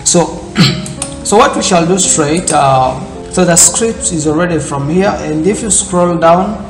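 Over background music, a man's slightly high voice moves slowly through an echoey room. Seen via a corner webcam indoors, he's the host of a screen-recorded tech tutorial, explaining steps loosely and repetitively with lots of filler words.

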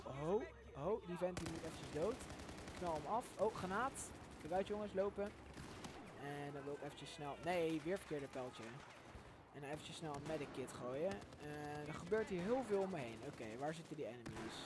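A young man with a somewhat high-pitched voice talks his way through a shooter match, chatty and easily excited. Clear gunfire and game noise sit right behind his voice. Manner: chatty, excitable, swears in English when surprised. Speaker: gaming channel host. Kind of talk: casual gameplay commentary.

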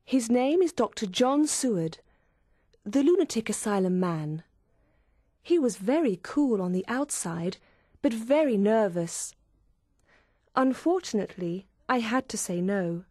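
A woman's voice: fairly high pitch, lively intonation, a little slow, warm tone, no room sound, clean studio sound. A woman voicing a young woman who reads out confiding, gushing letters to her friend.

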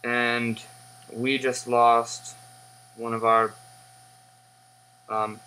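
A young man giving a casual, rambling review in a halting way that trails off, recorded on a webcam in a living room. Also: medium pitch, flat delivery, sharp tone, smooth. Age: young adult. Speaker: pipe tobacco reviewer. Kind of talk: casual unscripted review chat. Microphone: webcam at desk distance. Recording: humming, noisy webcam audio.

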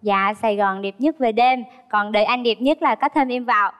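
Chatty, nervous woman contestant, high voice, studio reverb and soft music. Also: brisk. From Phan Thiet, Vietnam. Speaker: dating show contestant. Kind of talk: casual conversation.

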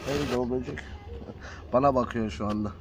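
A man talking casually to viewers in a garden, gently coaxing cats. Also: medium pitch, fairly even intonation, moderate pace, noisy background. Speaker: vlogger caring for stray kittens. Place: outdoor garden.

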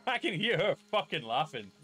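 A man's voice: a little high, sing-song, normal speed, bright, forceful tone, faint music behind. A man giving casual, sweary live gameplay commentary into a close mic. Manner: sweary, informal. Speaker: game streamer. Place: small indoor gaming room with game audio.

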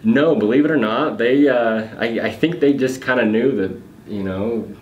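Speaking at a normal speed in a mid-range voice, a man in his thirties being interviewed as a real estate investor chats casually in an office meeting room, full of fillers and restarts. The lo-fi sound has an echo and faint noise.

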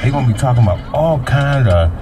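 A man's voice: mid-range voice, fast. A middle-aged man hosting a casual radio chat from inside his cab, emphatic and talking straight to the listeners. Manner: lively, emphatic, addresses listeners as folks. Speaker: radio host and cab driver. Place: inside a moving car. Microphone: dashboard camera. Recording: car road noise.

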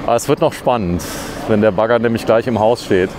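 A man's voice: lowish voice, brisk. A man hosting a video at a demolition site, chatting with workers and commenting on the work. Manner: chatty, curious, interviewing. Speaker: video host. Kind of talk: vlog commentary. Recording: outdoor noise with traffic.

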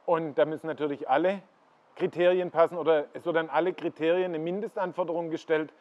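A man's voice: a little high, fairly even intonation, fast talker. A middle-aged man with a slightly raised voice talks his way through a greenhouse full of koi ponds. He keeps steering the listener toward one fish after another and explains what makes each one good. The sound is a bit dull and lo-fi. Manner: explanatory, pointing viewers to fish. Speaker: koi dealer giving a farm tour. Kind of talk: walking tour commentary.

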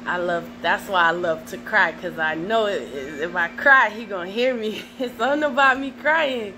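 A woman giving a slow, repetitive devotional message as an online minister, pleading with rhetorical questions. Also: mid-range voice, background noise.

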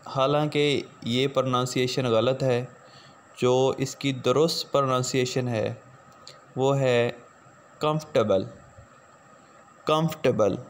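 A man giving a slow pronunciation lesson, repeating each word twice. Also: mid-range voice, little pitch movement, a little hiss or hum. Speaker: teacher.

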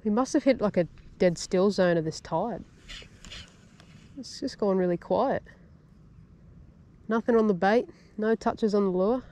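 A man's voice: high voice, a little slow, pauses often, dark tone, slight background noise. Man, Australian accent, fishing vlogger, casual to-camera commentary, upbeat and chatty, explains gear as he goes, outdoors by the water. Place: outdoors on a grassy shoreline by a sand flat.

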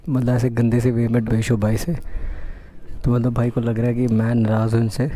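A man vlogging, speaking hushed asides to the camera about a prank. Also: mid-range voice, monotone, brisk. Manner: hushed, conspiratorial, suppressing laughter.

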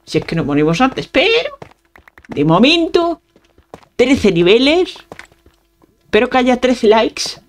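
A woman's voice: on the high side, very animated, takes it slowly, long pauses. A woman with a Spain Spanish accent giving casual, playful gameplay commentary, chatting to her viewers and muttering little sound effects as she plays. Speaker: gaming channel host.

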